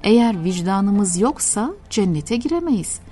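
A woman's voice: mid-range voice, expressive, a little slow, close to an everyday voice. A woman reading a kind, generous shopkeeper man. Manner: gentle, reassuring, playful bargaining. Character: kind middle-aged male shoemaker, generous. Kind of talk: storybook reading.

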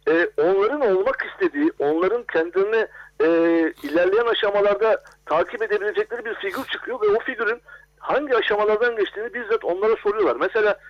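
A man speaking as an academic guest in a radio interview, hesitant, with many drawn-out filler sounds. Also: high-pitched. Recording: dull lo-fi phone line.

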